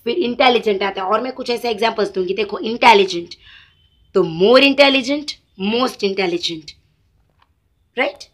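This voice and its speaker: A woman's voice: mid-range voice, fairly bright tone. A woman teaching a grammar lesson to children, switching between Hindi and English and drawing out each example word. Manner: slow, deliberate, mixes Hindi and English, drawn-out example words.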